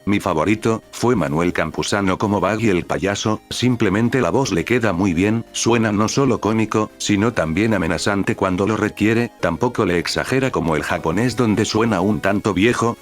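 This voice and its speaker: Low-pitched man reviewing. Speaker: video reviewer. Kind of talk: scripted commentary.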